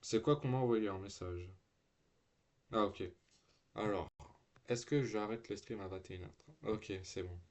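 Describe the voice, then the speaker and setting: A man's voice: lowish voice, normal speed, long pauses, a little mellow. A teenage boy live-streaming from home, chatting loosely with slang and swearing, full of restarts and trailing fillers. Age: teens. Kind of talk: casual live-stream chat.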